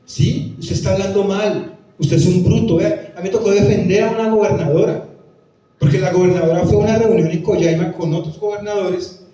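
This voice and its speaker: A man's voice: sits high, steady tone, brisk, mellow. A man with a Tolima Colombian accent giving a conference talk, emphatic and repeating phrases as he answers audience questions. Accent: Tolima Colombian Spanish. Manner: emphatic, repeats phrases, acts out quoted voices. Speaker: lecturer on the Pijao language. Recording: echoey hall, voice from far off.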